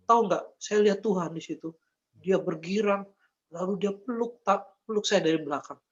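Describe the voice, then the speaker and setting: A man's voice: sits high, moderate pace, breathy edge, dull audio. A man giving an emotional faith testimony, earnest and repetitive, speaking directly to his listeners. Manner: earnest, repeats phrases, addresses listeners as brother and sis.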